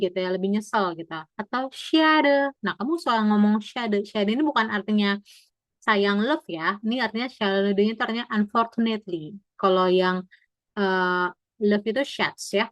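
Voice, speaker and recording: A woman's voice: mid-range voice, a bit bright, no echo. A woman teaching German in an online class over a video call, explaining patiently, mixing in English and quizzing her students.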